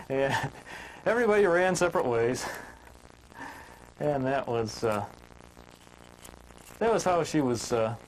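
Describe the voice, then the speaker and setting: A man teaching woodcarving in a relaxed, homespun storytelling manner, chatting with filler words as he works. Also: medium pitch, takes it slowly, long pauses, a little hiss or hum, low-quality recording. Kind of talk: folksy storytelling while demonstrating carving.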